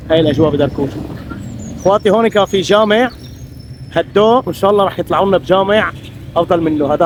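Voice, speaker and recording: A man with a Syrian Arabic accent chatting casually as a street vlogger, addressing viewers and locals. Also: high voice. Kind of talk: casual street vlog chat. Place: outdoors on a town street. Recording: clear traffic noise, outdoor street.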